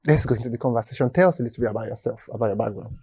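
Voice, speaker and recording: A woman's voice: very deep voice, very fast, dark tone, husky. A woman hosting a podcast, eagerly encouraging her guest and finishing her sentences. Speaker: podcast host. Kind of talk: casual interview.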